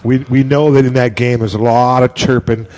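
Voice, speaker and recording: A man's voice: mid-range voice, level tone, moderate pace, darkish tone. A man hosting a college sports show, asking players long, joking questions in a chatty way. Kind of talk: casual sports talk show.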